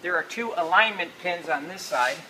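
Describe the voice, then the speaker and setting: A man with a voice that sits high talks at a moderate pace, giving practical, informal step-by-step instructions while demonstrating an assembly. It's hands-on instructional narration, recorded in a noisy room with his distance from the mic shifting.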